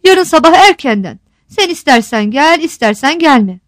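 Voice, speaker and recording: A woman's voice: high-pitched, very animated, normal speed. A woman voicing a fiery little old mother. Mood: defiant. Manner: scolding, insistent.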